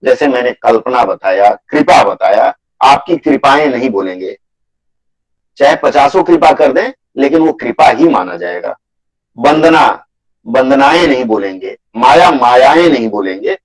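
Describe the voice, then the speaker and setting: A man's voice: medium pitch, lively intonation, rough recording. Guy teaching grammar on a video call, patient, keeps repeating stuff for the students. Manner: patient, repeats points and lists examples slowly. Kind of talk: live online class lecture.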